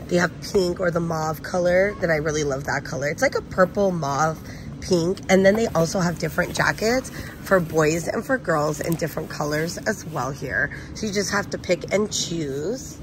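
A woman with a fairly low speaking voice talks to a handheld phone while she shops. She chats in a friendly, enthusiastic way about deals. Store noise comes through clearly behind her. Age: adult with a son. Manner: chatty, enthusiastic about bargains. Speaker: shopping vlogger. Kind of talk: casual shop-with-me narration. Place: indoors in a discount supermarket aisle. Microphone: handheld phone camera.

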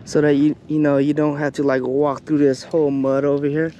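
Recorded on an action camera, either hand-held or chest-mounted, this thirtysomething man talks about his fishing trip along the shore. His voice is fairly high and warm with little pitch movement and a brisk pace, the sound lo-fi with faint outdoor noise, and his commentary is relaxed, chatty, and full of fillers.

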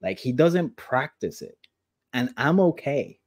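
A man co-hosting a casual anime review chat from home, talking passionately with halting starts and quick bursts. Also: mid-range voice, animated, husky, dry recording, studio quality. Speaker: co-host.

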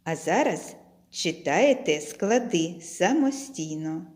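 A woman teaching a literacy lesson to young children, speaking clearly and stretching her words out. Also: fairly low pitch, animated, slow, a little mellow. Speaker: primary school teacher.

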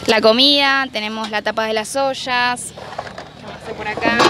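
A woman's voice: on the high side, steady tone, normal speed, heavy background noise. A young woman with an Argentine accent answering questions about camp gear. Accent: Argentine Spanish. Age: young adult. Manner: brief, agreeable answers. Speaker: interviewee, scout participant. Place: outdoor camp.

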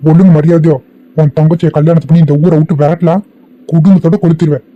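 A bullying village headman barks threats in a voice set a bit high, a man acting him out. The recording is dull and lo-fi, dry with no room sound, like a cheap cartoon dub. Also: level tone, quick pace, no room sound, natural voice. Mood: furious threats. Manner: shouting, threatening, scornful. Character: angry domineering village headman, older man.

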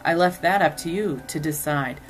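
A woman's voice: low voice, normal speed, soft background music, low-quality recording. A woman hosting a commentary show, talking in an earnest, speculative way. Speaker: host. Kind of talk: scripted commentary.

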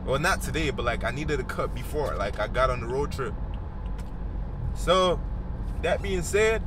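A man's voice: medium pitch, lively intonation, moderate pace. A man in his twenties vlogging while driving, telling a loose, slangy, profane story into a handheld phone camera. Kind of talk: casual rambling vlog chat. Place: inside a car, driving on the road. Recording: loud road and engine noise.

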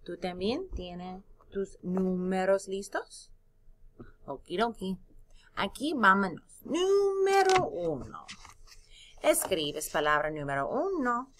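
A woman's voice: medium pitch, a bit bright. A woman teaching a recorded lesson, spelling words out letter by letter, stretching syllables and praising her students between prompts.

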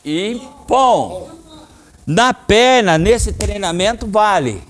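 A man's voice: high-pitched, extremely slow. A middle-aged man with a Brazilian Portuguese accent teaching a children's karate class in a training hall, calling out commands and explaining techniques. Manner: lively, coaching commands to children. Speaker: karate instructor.

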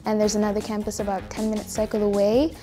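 A woman's voice: mid-range voice, completely flat delivery, fast talker, mellow. A nineteen-year-old woman from Zimbabwe, a student chatting upbeat about her university. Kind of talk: casual interview answers. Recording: background music under the voice.

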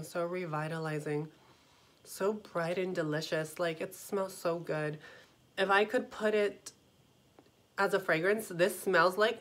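Enthusiastic female fragrance vlogger, thirties, slightly low pitch, chatty with lots of "really" and "um". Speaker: fragrance reviewer. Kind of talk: casual product review to camera. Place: small wood-paneled room indoors.

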